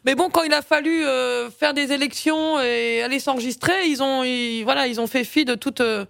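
A woman hosting a call-in radio show, speaking in a measured way with frequent fillers. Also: sits high, creaky, fairly bright tone, no echo. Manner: measured, with frequent "euh" and "hein". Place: radio studio. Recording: dry studio sound.

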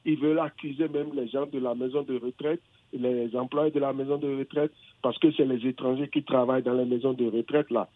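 A man's voice: medium pitch, steady tone, brisk, dry recording. Man phoning in to radio, from England, hesitant and searching for words, tinny phone-line sound, dry. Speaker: caller. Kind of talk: phone-in conversation. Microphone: telephone.

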